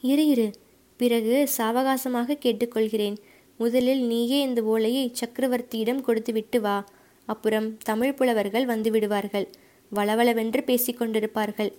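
A woman's voice: on the high side, fairly even intonation, unhurried, a little mellow, natural voice. A woman voicing a proud, hot-tempered middle-aged male fort commander in an audiobook, speaking brusquely and with suspicion. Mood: eager, commanding. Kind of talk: audiobook character voice.

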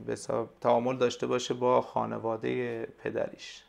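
A man, a language tutor, talking casually in an interview and explaining things hesitantly with many pauses and fillers. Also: medium pitch, monotone, gravelly. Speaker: language tutor, podcast guest.

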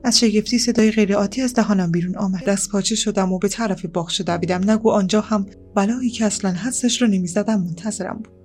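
A woman reading an audiobook in a calm, measured storytelling voice with unhurried pauses. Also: mid-range voice, faint music behind. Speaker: audiobook narrator. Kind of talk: scripted audiobook narration.

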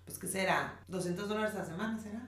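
A woman with a Mexican Spanish accent, co-hosting a podcast in casual, animated chat. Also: medium pitch, fast talker, reverberant. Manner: chatty, animated, laughs often. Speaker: podcast co-host.

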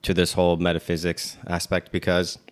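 A man's voice: deep voice, completely flat delivery, brisk. A man in his thirties co-hosting a casual chat, rambling with many fillers and restarts. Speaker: podcast co-host.

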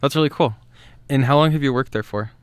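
A man's voice: mid-range voice, fast, smooth, no room sound. A young man hosting a casual podcast interview, asking short, friendly questions and laughing often. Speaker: podcast host, student.

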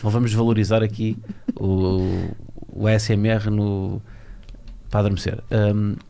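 A man hosting a podcast interview, joking and bantering in a quick, playful way. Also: lowish voice, flat delivery, gravelly, warm tone, slight background noise. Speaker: podcast host. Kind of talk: casual interview chat.

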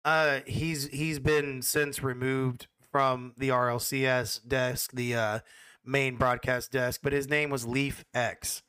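Bright, crisp-voiced man, hesitant. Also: medium pitch, level tone, slow pace, no room sound. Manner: hesitant, repeats words when starting. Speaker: amateur esports caster. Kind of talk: casual interview answers.

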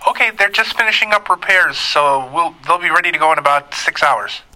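A woman's voice: low-pitched, expressive, brisk, pushed and bright, exaggerated voice, poor audio. A woman playing a no-nonsense ship mechanic, heard over a speakerphone comm in a tabletop game. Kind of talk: tabletop roleplay.

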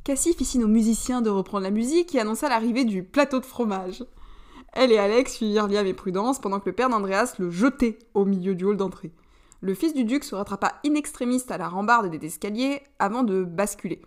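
A woman narrating a novel aloud in a lively storytelling manner. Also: medium pitch, a little fast. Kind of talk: audiobook narration.

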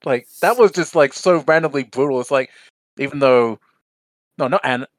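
A man excitedly retelling a movie moment on a podcast, piling up fillers. The sound is close and dry, with no room around it, and his pitch sits in the middle. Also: normal speed, no room sound. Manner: excited, recounting scenes with quoted outbursts. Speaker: podcast guest. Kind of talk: casual podcast chat.

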